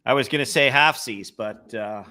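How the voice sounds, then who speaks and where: A man's voice: medium pitch, moderate pace, sharp tone. A man from Norway with a Norwegian accent, hosting a casual travel webcast with many hesitations and fillers. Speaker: host.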